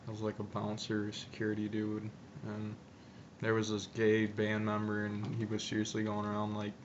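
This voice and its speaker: A young man talks around chewing tobacco in a very flat, fairly low voice. His talk is casual, slangy and full of swearing. The recording is muffled and noisy. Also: moderate pace. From upstate New York, United States. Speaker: video co-host. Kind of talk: casual chat and anecdotes. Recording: muffled, noisy amateur video audio.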